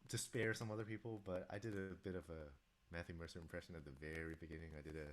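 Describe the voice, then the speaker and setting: Deep-voiced and level in tone, a man speaks fast while composing music live. He has a stuffy nose and sore throat, and he chats casually with viewers, reading their messages out.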